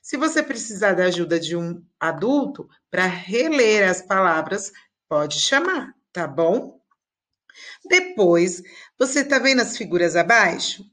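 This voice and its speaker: A woman teaching small children in a recorded lesson, her voice bright and clear. She speaks slowly and patiently, in a sing-song tone, stretching out each syllable so the kids can repeat after her. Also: medium pitch, big pitch swings.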